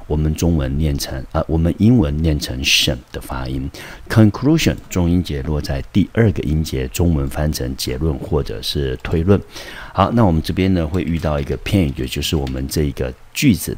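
Very deep husky-voiced male teacher. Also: darkish tone. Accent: Taiwanese Mandarin. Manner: patient, spells words letter by letter. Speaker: English teacher. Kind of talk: exam vocabulary lesson.

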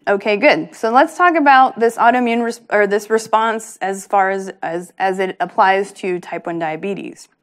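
A woman's voice: medium pitch, normal speed, hardly any pauses. A woman research scientist giving a patient, plain-spoken public lecture, with frequent ums.

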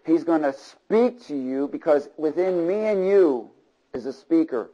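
This man preaches to a church congregation in an expressive voice that sits on the high side, dark in tone and a little slow. High frequencies are missing from the recording. Rhythmic repeated phrases mark his sermon, and he regularly seeks call-and-response agreement.

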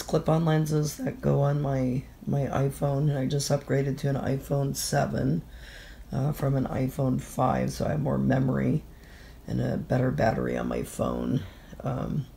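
A woman's voice: rumbling low, creaky, warm tone, slight background noise. A middle-aged woman with a stuffy, nasal voice, sniffling with a bad cold as she talks casually through a gear vlog. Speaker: vlogger. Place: indoors in a room at home.

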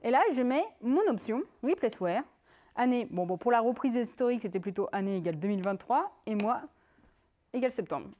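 A woman giving a technical conference talk, in a lively conversational way with many fillers and asides. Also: on the high side, fairly quick. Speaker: conference speaker.

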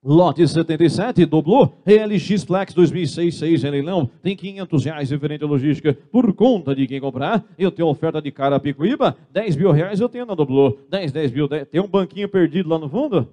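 A man's voice: fairly high pitch, brisk, hardly any pauses, mellow. A Brazilian man working as an auctioneer, calling a live car auction and chanting bids repetitively.

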